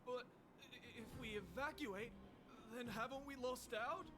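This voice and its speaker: A jittery vagrant underling from a video game, with a very high, stammering voice. Game music plays clearly behind him as he frets. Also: unhurried. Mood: anxious. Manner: stammering, anxious. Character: nervous male vagrant underling, dim.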